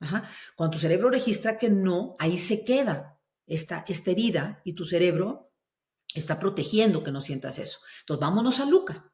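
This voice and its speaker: A woman speaking as a parenting expert guest on a podcast, explaining slowly and deliberately and listing examples one after another. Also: on the low side, lively intonation, darkish tone, reverberant. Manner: slow, deliberate, lists examples. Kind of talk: calm explanatory podcast talk.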